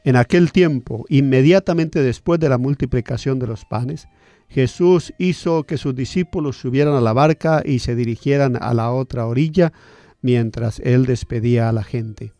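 A man's voice: medium pitch, normal speed, mellow, dry recording. A male radio host greeting listeners and reading scripture aloud in an earnest, careful way with small hesitations.

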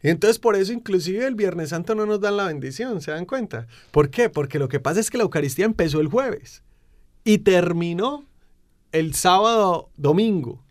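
Emphatic preaching man, slightly high voice. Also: animated, darkish tone. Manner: emphatic, slow build-ups, frequent rhetorical "¿cierto?" tags. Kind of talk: preaching explanation of faith.

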